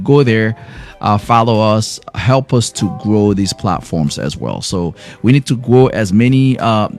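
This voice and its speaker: With a French accent and a lowish, darkish voice, a man hosts a live health education show from a clinic. He signs off the stream by thanking his viewers effusively, again and again.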